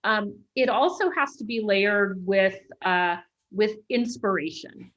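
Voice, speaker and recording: Woman executive, interview guest, mid-pitched, articulate, checks in with "right?". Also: animated, takes it slowly, fairly bright tone, lo-fi sound. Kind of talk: interview answers.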